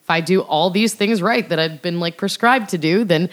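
A young woman who sings in a band chats loosely as a podcast guest, using lots of fillers and laughing often. Her voice is lowish and her pace is normal.

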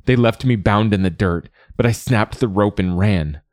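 A man's voice: fairly low pitch, moderate pace, a little mellow, dry recording, studio quality, pitched above the performer's own voice, natural voice. A man voicing a frightened, ashamed young male warrior, speaking in a strained, pleading way. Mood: desperate.

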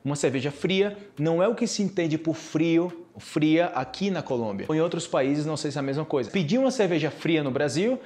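Brazilian-accented male teacher, lively, somewhat high-pitched, many examples. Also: fairly quick, few pauses. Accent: Brazilian Portuguese. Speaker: Portuguese teacher. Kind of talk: casual podcast lesson.

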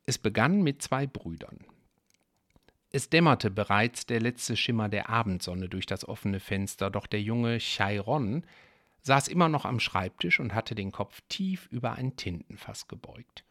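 Gravelly-voiced man reading a story. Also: fairly low pitch, no room sound, studio quality. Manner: calm, measured reading with casual asides. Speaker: story reader. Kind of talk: reading a listener's story aloud.

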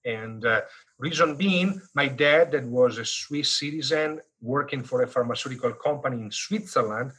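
A man in his fifties with an Italian accent tells his life story as an interview guest. His voice is bright and a little husky. He jokes, wanders and fills gaps with "you know" as he goes. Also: mid-range voice, moderate pace, rough recording. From northern Italy. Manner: animated, jokey storyteller with frequent fillers. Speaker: guest, business school dean.

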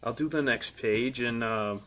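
A man chats casually as a co-host among fans. His voice is bright and fairly low for conversation, heard through lo-fi, slightly muffled sound. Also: measured pace, slight background noise. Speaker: podcast co-host. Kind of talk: casual fan chat. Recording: dull lo-fi audio.

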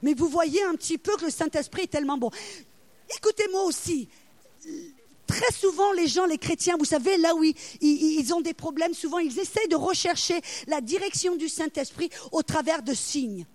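A woman preaching a sermon, telling stories and acting out the voices of the people in them, now and then crying out loudly. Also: very high-pitched, moderate pace, no room sound. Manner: animated, acts out voices, cries out loud. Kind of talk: sermon with storytelling.

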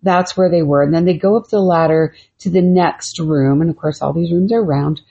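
Low, mellow-voiced woman podcast storyteller. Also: normal speed, gravelly, breathy edge. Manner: chatty, laughs easily, retells friend's story. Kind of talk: casual storytelling chat. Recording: muffled lo-fi podcast audio.

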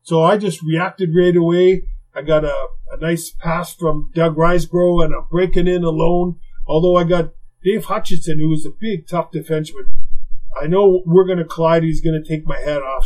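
An older man, a retired hockey player, tells stories in an interview in a lively, conversational way, with frequent asides and acted-out quotes. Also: on the high side, low-quality recording. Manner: lively, conversational, heavy on "you know" asides, acts out quotes. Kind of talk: anecdotal interview storytelling.

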